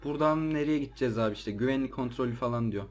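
A man's voice: mid-range voice, racing. A man giving casual, slangy commentary while playing a horror game, jumpy and easily startled as he talks to his viewers. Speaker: let's play gamer.

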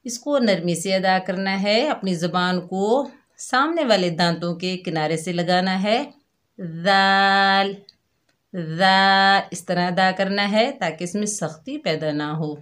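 Woman teacher, very slow, drawn-out letter sounds, gentle children's lesson. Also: on the low side. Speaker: Quran reading teacher for children. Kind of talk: slow patient recitation lesson.

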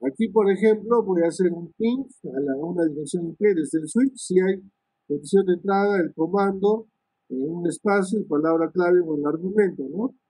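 A male networking instructor talks students through switch commands, thinking aloud, tagging lines with "¿no?" and filling pauses with "este". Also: sits high, warm tone, slightly rough, no room sound, low-quality recording. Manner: many "este" fillers and restarts. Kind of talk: live screen-share lesson on switch commands.

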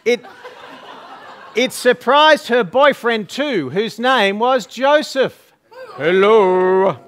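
A man's voice: very high voice, expressive, slow, a bit bright. A man pastor leading a Christmas story at a church service, playfully coaching the crowd through call-and-response prompts.

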